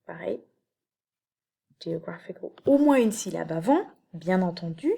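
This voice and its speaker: Slow-paced woman teaching a lecture. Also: lowish voice, lively intonation, creaky, mellow, husky. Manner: slow, explanatory, with many fillers and restarts. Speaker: university teacher. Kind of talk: recorded video lecture. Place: home, late evening.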